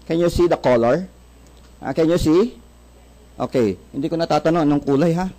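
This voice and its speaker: A man's voice: fairly high pitch, normal speed, mellow, low-quality recording. A man with a Filipino accent giving a sales seminar talk. He keeps asking the audience questions, answers them himself, jokes, and mixes English into his talk. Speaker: product presenter.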